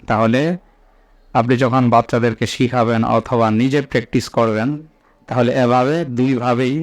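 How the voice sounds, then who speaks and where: A man teaching as he recites each item slowly and enunciates it carefully, with explanations in between. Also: mid-range voice. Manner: slow, deliberate, enunciating each letter. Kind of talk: slow instructional recitation.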